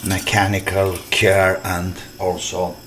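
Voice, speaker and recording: A low-voiced man, an electronics repair hobbyist, talks slowly and flatly while presenting his restoration. His casual hands-on commentary comes out halting, in short thinking-aloud fragments, on a clearly noisy recording full of clicks.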